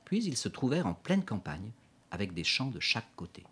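Casting: deep husky man, calm audiobook narration. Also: brisk.

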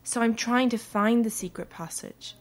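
A woman playing a young red-haired girl, speaking slowly. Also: on the high side, natural voice. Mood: earnest. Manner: slow, carefully spoken English. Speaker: character in an English-learning audio story.

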